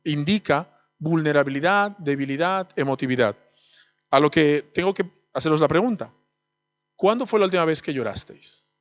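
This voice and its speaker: Male preacher, fairly high voice, chatty sermon delivery, slightly dull recording. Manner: conversational, asks the congregation questions. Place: church.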